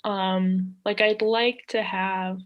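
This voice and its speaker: A woman's voice: medium pitch, level tone, slow pace, muffled recording. A young adult woman, a guest artist, talking reflectively in a casual interview, with many filler words. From United States.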